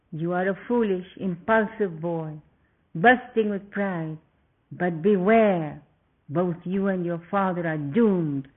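A man voicing a stern, righteous demon uncle who scolds his nephew, heard through tinny, phone-like audio. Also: sits high.

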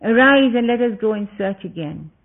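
A man's voice: high voice, expressive, moderate pace, gravelly, full character voice. A man voicing a loyal younger brother who speaks earnestly and urges his brother on, heard through a tinny phone-like recording. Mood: urging. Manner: earnest, urging.

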